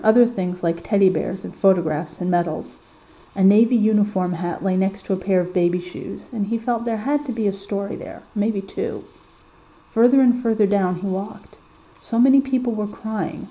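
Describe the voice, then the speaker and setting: A woman reading a story aloud in calm, measured audiobook narration. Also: medium pitch, rough recording. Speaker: story reader. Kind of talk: audiobook narration of fan fiction.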